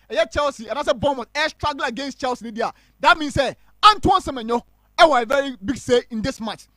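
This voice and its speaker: A man giving animated football commentary on a live stream, mixing English and Twi. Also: extremely high pitch, no room sound. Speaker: football pundit.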